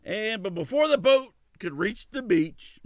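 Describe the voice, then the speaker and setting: A man's voice: high voice, lively intonation, a little slow. A man from El Salvador hosting a casual comedy news chat, reading stories loosely with stumbles and laughs. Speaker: podcast host.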